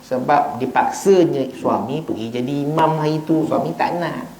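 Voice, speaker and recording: A man's voice: a little high, normal speed, gravelly, roomy sound, low-quality recording. Man preaching in a Malaysian Malay accent. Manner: animated storytelling, acting out dialogues with joking asides. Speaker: ustaz giving an evening mosque lecture. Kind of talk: informal sermon. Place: prayer hall of a small mosque.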